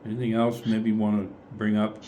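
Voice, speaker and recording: A man's voice: lowish voice, monotone, a little fast, warm tone, slight background noise. A man leading a casual group Bible study, thinking aloud in a tentative way and often correcting himself.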